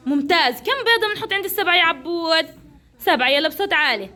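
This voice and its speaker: A woman's voice: extremely high pitch, animated, very fast, pushed and bright. A woman teacher, coaxing and praising young children through a counting game. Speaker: preschool teacher.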